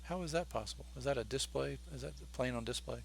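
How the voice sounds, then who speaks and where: A man's voice: medium pitch, fast talker, gravelly. Man casually narrating a flight sim, faint hum. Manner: informal, thinking aloud while flying. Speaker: flight simulator streamer acting as pilot. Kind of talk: casual running commentary on a simulated flight.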